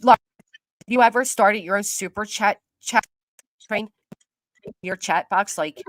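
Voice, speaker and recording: A woman's voice: medium pitch, measured pace, dry recording, studio quality. Woman whose voice keeps cutting out. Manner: heated, indignant, repeats herself. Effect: voice cutting in and out over a bad connection. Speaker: livestreamer. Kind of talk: casual chat on a livestream.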